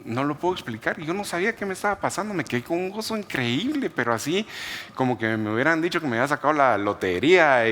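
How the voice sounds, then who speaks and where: A man preaching a sermon as a pastor, with an animated storytelling manner. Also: medium pitch, slight background noise. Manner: storytelling, animated, laughs while telling. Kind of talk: sermon testimony.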